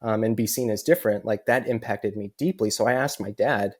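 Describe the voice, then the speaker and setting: Speaking fairly quickly in a lowish, slightly rough voice, a man from the United States with children recounts something personal as a podcast guest. He comes across as earnest and fills his speech with plenty of "you know"s.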